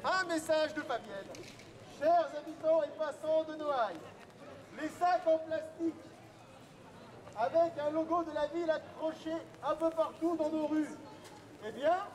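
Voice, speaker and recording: A man's voice: very high voice, measured pace. A man works as a town crier, declaiming announcements and messages aloud in a public street. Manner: declaimed, projected public crying. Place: outdoors in an urban street. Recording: outdoor street recording with crowd. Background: crowd and street sounds.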